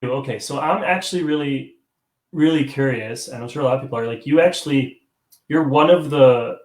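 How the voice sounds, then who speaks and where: Speaking briskly in a medium-pitched voice, a man hosts a live theater talk show online, coming through a video call stream with a roomy echo. His casual chat rambles, broken up by restarts and chuckles.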